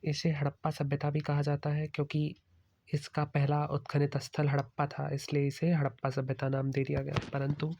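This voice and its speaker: A male exam-prep teacher explains slide by slide and drops English terms into his Hindi. His voice sits slightly high and barely moves in pitch. The recording is dry and close, with no room sound. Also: monotone, normal speed, gravelly, a little mellow, no room sound. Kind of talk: slide-based lecture.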